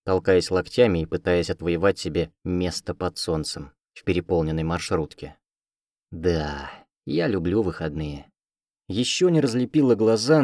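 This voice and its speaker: A man narrating an audiobook in a deep, low voice, keeping a steady and expressive storytelling pace. The sound is dry and close, with no room around it. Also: no room sound. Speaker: audiobook reader. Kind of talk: scripted narration.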